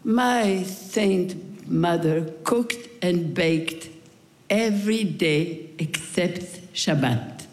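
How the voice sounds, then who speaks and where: Very slow-spoken older woman from Morocco. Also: fairly low pitch. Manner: slow, deliberate telling with lively rises and falls. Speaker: storyteller. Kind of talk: live personal storytelling on stage. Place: large theater stage. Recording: reverberant theater hall.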